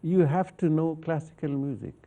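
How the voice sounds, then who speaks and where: Gravelly, mellow male talk-show host. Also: a little high, moderate pace. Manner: stammering restarts, steady backchanneling. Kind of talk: conversational interview.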